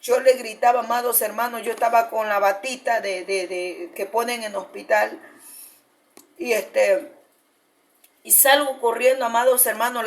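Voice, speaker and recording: A woman pastor giving a fervent sermon testimony, often calling out to the congregation as beloved brothers and sisters. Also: mid-range voice.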